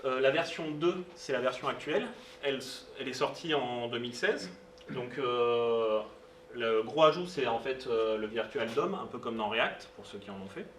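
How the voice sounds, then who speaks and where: A man presents a technical talk to a live meetup audience, pausing often and filling gaps as he goes. He is heard from a distance in a roomy space, with a faint hiss underneath. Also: mid-range voice. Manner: hesitant, many fillers, informal asides. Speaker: meetup speaker. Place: meetup room. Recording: roomy sound, distant mic, faint noise.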